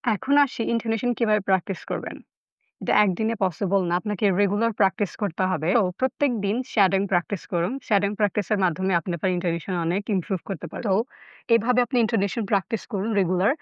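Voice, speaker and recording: A woman giving a short spoken lesson on English intonation, explaining step by step and modeling phrases with exaggerated pitch. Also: fast, no room sound, lo-fi sound. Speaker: English pronunciation teacher.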